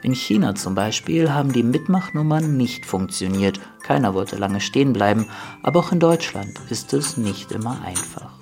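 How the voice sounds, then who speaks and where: A man's voice: medium pitch, lively intonation, moderate pace, gravelly, a little mellow, soft background music. A man narrating a radio feature in a wry, lightly self-mocking way.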